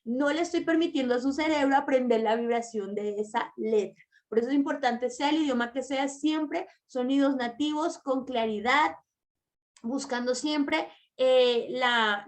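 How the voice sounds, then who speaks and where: A woman giving an online masterclass lecture to mothers, explaining patiently and stressing key words, addressing the listener directly. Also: sits high. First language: Spanish. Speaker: early-childhood language teacher.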